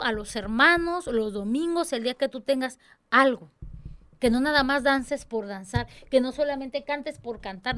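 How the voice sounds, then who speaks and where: High-voiced earnest woman. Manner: earnest, expressive, mimics others' voices. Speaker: tambourine dance ministry leader. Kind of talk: casual church talk interview.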